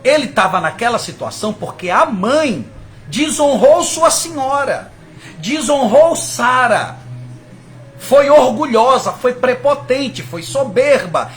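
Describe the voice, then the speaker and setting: A man's voice: very high voice, a bit bright. A man preaching a sermon with fervor, speaking to his listeners as brothers. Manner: fervent, rising and falling, addresses listeners as brothers.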